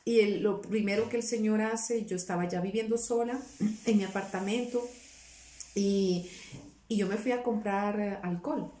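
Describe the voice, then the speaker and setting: Woman telling her faith testimony, earnest, repeats herself, dark voice, sounds a bit far off in a roomy space. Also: medium pitch, fairly even intonation, normal speed. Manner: earnest, repeats words, quotes her own past pleas. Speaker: guest giving a testimony. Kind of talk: personal testimony, emotional storytelling. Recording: roomy, somewhat distant from the mic.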